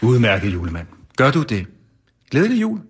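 A man voicing a group of small Christmas elves in a read-aloud horror story, with high, sing-song greetings. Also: wildly swooping pitch, breathy edge, heavily acted. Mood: eerily polite. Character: chorus of small Christmas elves, eerily cheerful.

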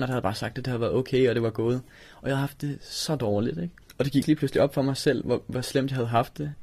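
A man's voice: medium pitch, darkish tone, slightly rough, dry recording. Young danish guy telling his story, stumbles and restarts a lot, dry sound. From Denmark. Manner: halting, many restarts and fillers. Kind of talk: personal recollection.

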